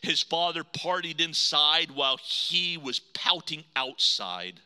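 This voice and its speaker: A man preaching a sermon as pastor, dramatic, swinging between loud emphasis and hushed low lines. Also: expressive, takes it slowly, clean tone.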